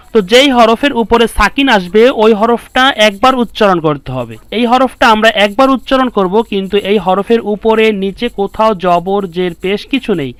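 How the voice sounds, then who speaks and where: High, smooth-voiced man teaching. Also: a bit bright, no echo. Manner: slow, drawn-out syllable drills; patient step-by-step explaining. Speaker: Quran teacher. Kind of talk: online Quran reading lesson.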